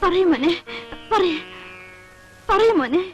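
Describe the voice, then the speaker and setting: A gentle, coaxing mother. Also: extremely high pitch, expressive, slow pace, faint music behind, exaggerated voice. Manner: coaxing, pleading repetition. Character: gentle young mother coaxing her little son. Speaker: mother in a film.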